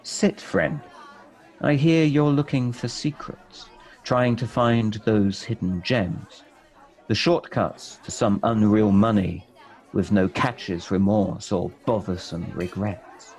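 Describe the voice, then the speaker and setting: A man voicing a mysterious one-eyed old man in a pub, speaking slowly and confidingly. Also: lowish voice, fairly even intonation, darkish tone, a faint crowd.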